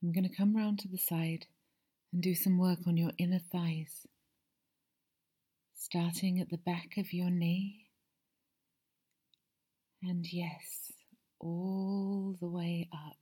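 A woman speaks in a soft, soothing ASMR roleplay as a masseuse, drifting between a hushed voice and whispers. Her tone is breathy and mellow, a little low, and she takes her time over every phrase. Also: level tone, slow, long pauses.

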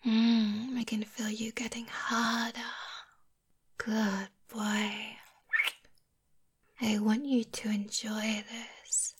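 Slow breathy succubus whisper by a woman, teasing and possessive, close mic. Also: on the high side, little pitch movement, exaggerated voice. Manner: soft whispering, hushing. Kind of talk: whispered ASMR roleplay.

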